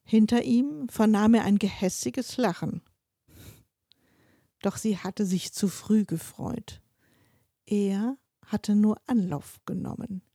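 A woman reading a dark short story aloud as its narrator, with expressive delivery that shifts pace with the tension. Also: medium pitch, slow, vocal fry, dry recording, clean studio sound.

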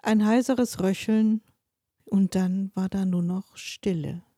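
A woman reading a dark short story aloud as its narrator, with expressive delivery that shifts pace with the tension. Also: medium pitch, takes it slowly, no echo, clean studio sound.

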